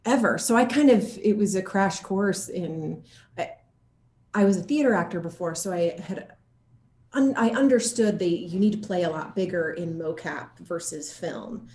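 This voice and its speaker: A woman being interviewed as an actor chats casually by video, bubbly and giggly, using playful slang. Her voice is on the low side with a darkish tone and normal speed, recorded in an echoey room at home.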